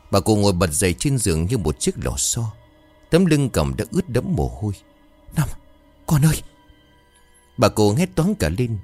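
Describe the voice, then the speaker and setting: A very deep male voice narrating a scripted ghost story, swinging widely in pitch as he builds dread. The sound is dry and close-miked, with faint music running underneath. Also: dry recording. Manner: dramatic, expressive storytelling.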